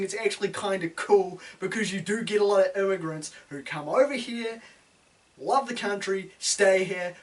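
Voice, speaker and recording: A man's voice: sits high, recorded from a distance. A man with a broad New Zealand accent delivering a blunt, sweary, sardonic opinion rant, full of slang. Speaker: opinion video host.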